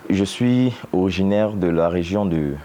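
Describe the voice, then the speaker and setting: Un homme originaire du Cameroun qui se présente avec quelques hésitations. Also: male voice, deep voice, mellow, a little hiss or hum. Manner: halting, hesitant. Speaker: engineering trainee. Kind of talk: self-introduction to camera.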